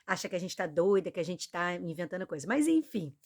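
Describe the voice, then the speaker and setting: A woman's voice: on the low side, big pitch swings, fairly quick. A young woman with a Brazilian Portuguese accent preaching a sermon in an earnest, conversational way, often checking in with her listeners. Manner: earnest, conversational, frequent tag questions.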